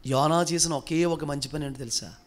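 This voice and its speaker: A man preaching as a pastor, firing repeated questions and swinging between loud emphasis and hushed, slow lines. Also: a little high. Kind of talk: sermon.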